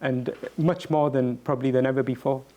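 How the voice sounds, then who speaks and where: Man, mid-pitched, earnest, halting, reflective, repeats words, answering questions. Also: steady tone, dark tone. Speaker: guest speaker answering questions.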